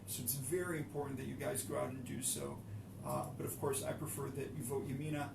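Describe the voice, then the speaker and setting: Earnest man with a gravelly voice. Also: medium pitch, sing-song, a little fast. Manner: earnest, pleading, many fillers. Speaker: election candidate. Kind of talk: interview answer. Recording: echoey room, far from mic, noisy.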